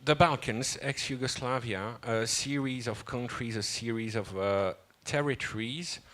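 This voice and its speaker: A man's voice: medium pitch, measured pace, fairly bright tone. A man hosts a panel discussion at a conference. He introduces the speakers with light, wry humor and steers the talk. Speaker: panel moderator. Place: conference hall stage.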